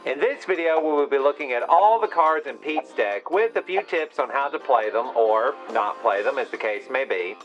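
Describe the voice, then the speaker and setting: A man's voice: medium pitch, expressive, moderate pace, hardly any pauses. A man hosting a board game strategy guide, his voice heard through a distorted lo-fi mono effect, with wry, dry asides. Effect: distorted lo-fi mono sound. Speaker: host. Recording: dull lo-fi audio with faint music.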